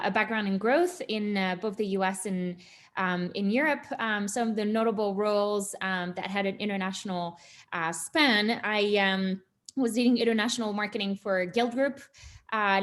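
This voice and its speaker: A woman's voice: mid-range voice, a bit bright. A woman introducing herself on a panel, speaking in short hesitant phrases with frequent ums. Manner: hesitant, many fillers. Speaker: panelist, growth executive. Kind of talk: casual panel talk.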